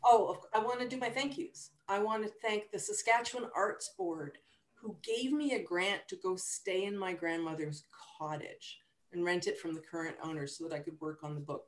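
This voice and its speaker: A woman author on a video call, telling stories with dark humor in a lively, restarting way. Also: lowish voice, roomy sound. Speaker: author at a book launch. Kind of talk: casual interview chat. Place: virtual event from home.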